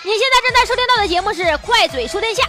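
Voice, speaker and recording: Speaking very fast over loud background music, a woman with a Northeastern Mandarin accent hosts a news commentary show. Her voice is very high and animated, and her commentary is humorous, colloquial, blunt and opinionated.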